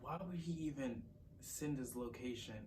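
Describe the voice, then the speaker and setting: A man's voice: medium pitch, moderate pace, noisy background. A man hosting a reaction video, chatting casually in a loose, offhand way with fillers. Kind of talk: casual chat. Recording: distant mic with hip hop music.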